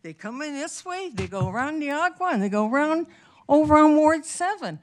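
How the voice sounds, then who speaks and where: Emphatic woman, high lively voice. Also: normal speed. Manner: emphatic, indignant, repetitive. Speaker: resident speaking at a council meeting. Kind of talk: public delegation speech. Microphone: podium microphone.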